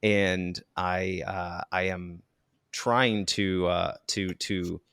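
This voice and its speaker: A man's voice: low voice, little pitch movement, very slow, vocal fry, a bit bright, smooth, no echo, clean studio sound. A man hosting a podcast, speaking in a reflective, hesitant way with many restarts. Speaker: podcast host. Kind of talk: casual interview chat.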